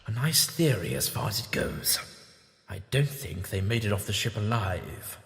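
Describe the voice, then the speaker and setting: Man acting as eccentric alien time traveler, lowish creaky voice, theatrical pauses, audio drama. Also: very animated, fairly bright tone. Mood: musing. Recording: echoey room with long reverb.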